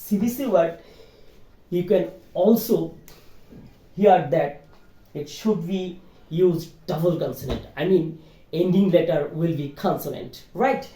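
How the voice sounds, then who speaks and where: A man's voice: on the high side, drawn-out words, long pauses, dark tone, recorded from a distance. A man teaching English reading, spelling words out letter by letter, mixing Bengali with English phrases, and often checking with "right?". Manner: mixes Bengali with English phrases, coughs now and then. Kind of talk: spoken language lesson. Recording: roomy, from off the mic.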